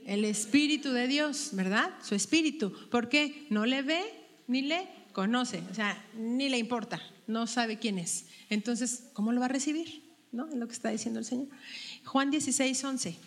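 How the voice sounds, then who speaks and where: A woman's voice: fairly high pitch, normal speed. Woman leading a Bible study. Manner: asks the group questions and tags them with "¿verdad?". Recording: long hall reverb.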